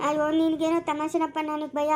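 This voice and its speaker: Woman playing an anxious aunt, high and flat. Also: fast talker, lightly acted. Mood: worried. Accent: Chikkaballapura rural Kannada. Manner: worried, pleading. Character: anxious, fearful aunt warning a young man. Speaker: family drama actor. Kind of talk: homemade family drama acting.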